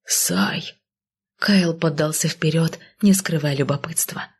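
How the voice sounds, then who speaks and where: A woman reading a first-person fantasy audiobook in a measured, even storytelling manner. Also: fairly low pitch, breathy edge. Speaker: audiobook narrator.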